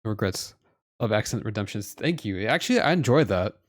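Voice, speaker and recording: A man's voice: lowish voice, big pitch swings, a little fast. A man chatting casually with viewers during a live game stream, self-deprecating and talking straight to chat. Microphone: headphones with desk mic. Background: soft background music.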